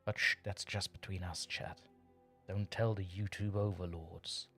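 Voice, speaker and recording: Hosting a livestream, a man chats playfully with his audience, reads their comments aloud, and chuckles often. His voice is low, bright, and forceful, with a level tone and a slightly slow pace, and soft music plays in the background.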